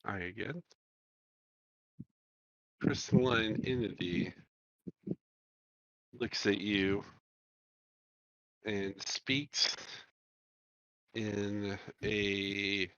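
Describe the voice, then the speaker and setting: A man narrating a tabletop game at a slow, unhurried pace, with a bright, sharp tone. His voice is dry and close, and the recording sounds dull and lo-fi. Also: on the low side, dry recording. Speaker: game master.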